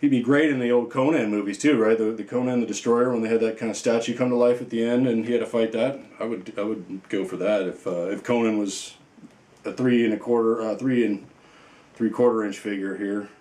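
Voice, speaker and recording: Rambling low-voiced man in a roomy space. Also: fairly even intonation, fairly quick, a little mellow. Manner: rambling and playful, many fillers. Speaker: toy reviewer. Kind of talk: casual unboxing chat.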